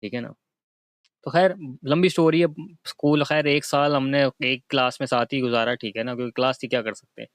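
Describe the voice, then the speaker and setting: A man's voice: medium pitch, fairly even intonation, brisk, no room sound. Chatty young man from Karachi. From Karachi, Pakistan. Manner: chatty, tags lines with a repeated check-in filler. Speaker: vlogger. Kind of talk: casual storytelling to camera.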